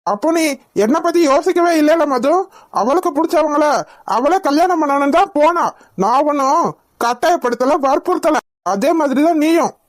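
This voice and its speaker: A woman's voice: high voice, normal speed, no room sound, clean studio sound, lightly acted. A woman voicing a stern scolding cartoon husband. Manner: scolding, lecturing. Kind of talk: cartoon voice acting.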